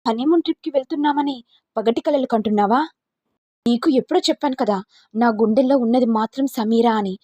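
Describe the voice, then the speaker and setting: A woman's voice: a little high, quick pace, mellow, dry recording, lightly acted. A woman voicing an angry, frustrated young husband in a story, mocking his wife with harsh rebukes.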